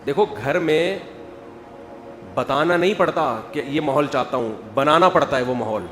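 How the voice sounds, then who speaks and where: A man giving a humorous religious talk, acting out quoted voices and building to loud emphasis. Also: fairly high pitch, a little hiss or hum. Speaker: Islamic preacher. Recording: echoey hall with faint music.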